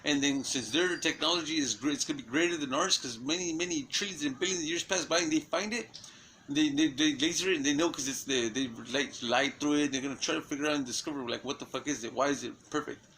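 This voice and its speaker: A man talks off the cuff in a long rambling monologue, often stalling on fillers and restarting his sentences. His voice sits a little high and comes across bright and forceful, with a faint hum of background noise, and he swears freely as he goes. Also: fast, low-quality recording. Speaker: self-styled messenger giving a prophecy.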